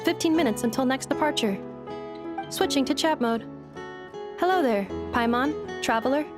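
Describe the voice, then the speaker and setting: A polite female robot helper, played by a woman, efficient and literal. The voice is fairly high and formal, in video game style with music underneath. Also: moderate pace, natural voice. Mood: matter-of-fact. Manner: formal, announces functions like a machine.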